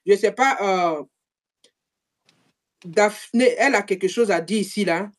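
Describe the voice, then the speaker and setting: A woman hosting a live stream, talking in an animated way, repeating herself and turning to speak to viewers directly. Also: mid-range voice, a little slow. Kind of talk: casual live-stream chat.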